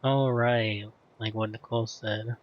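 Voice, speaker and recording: This man is a gamer commentating a playthrough, tossing off brief, subdued reactions to the game dialogue over a dull lo-fi mic. His fairly low voice stays level at a measured pace, with faint game music behind him.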